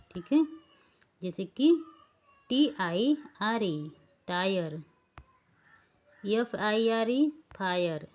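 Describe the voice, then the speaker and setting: A woman teaching English pronunciation rules, spelling words out letter by letter and checking that the learners follow. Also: medium pitch. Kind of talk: slow spelling-rule lesson.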